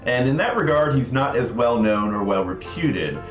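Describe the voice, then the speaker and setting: In a loose, digressive livestream demo of his visual novel project, this man talks in a mid-range voice with lively intonation and a moderate pace. The sound is lo-fi, the space echoes, and faint music sits in the background.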